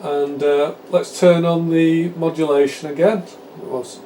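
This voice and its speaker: Speaking a little slowly in a slightly high voice, a radio repair channel presenter explains his work step by step, thinking aloud during a casual live demonstration. The small home workshop is filled with the steady hum of test-equipment fans.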